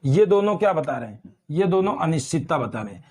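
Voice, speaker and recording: A man teaching grammar in an online exam-prep lecture, explaining slowly with repeated examples and calling his students beta. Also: on the high side, sing-song, darkish tone, slightly rough.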